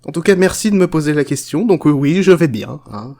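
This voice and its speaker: A man's voice: a little high, expressive, fairly quick, vocal fry, dark tone. A man playing a crude, unhinged chocolate factory owner, rambling, swearing and mocking in a comic parody.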